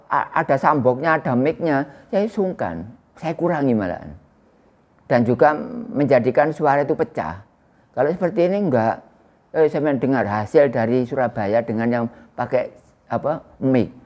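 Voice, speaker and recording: A man in his sixties with an East Javanese accent, giving an Islamic study lecture to a small indoor congregation in a loud, projecting voice without a microphone, chatting with his listeners. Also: mid-range voice, expressive, moderate pace. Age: 60s. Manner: conversational, teasing the audience. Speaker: religious teacher. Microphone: no loudspeaker or microphone used.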